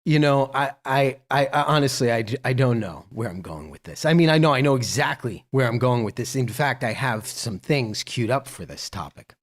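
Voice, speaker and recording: A man's voice: medium pitch, animated, moderate pace, few pauses. A man hosting a casual livestream, reading out viewers' names and thanking them, rambling and laughing as he goes and swearing casually. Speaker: livestream host.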